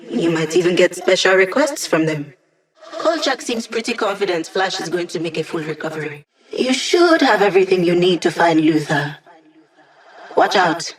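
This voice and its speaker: A woman's voice: lowish voice, lightly acted. A woman playing a quirky, upbeat young female AI hacker in a video game, with a playful, wry, conversational delivery. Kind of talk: scripted video game character dialogue.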